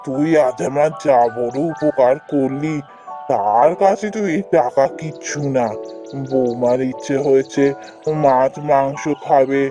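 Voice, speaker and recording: In a cartoon fairy tale, a man voices an earnest, kindly village gentleman who speaks familiarly, like a patron addressing a junior. His medium-pitched voice is close to an everyday speaking voice.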